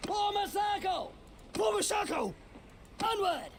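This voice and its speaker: A bold, heroic game warrior with an extremely high, pitched-up voice. He shouts drawn-out battle commands, swooping and gravelly, over crowd noise. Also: expressive, full character voice. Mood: bold, commanding. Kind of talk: video game battle voice lines.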